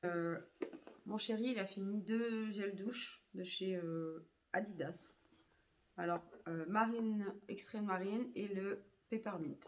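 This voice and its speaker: A woman's voice: mid-range voice, takes it slowly. A woman reviewing used-up beauty products in a chatty way, full of hesitations and fillers. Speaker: beauty vlogger.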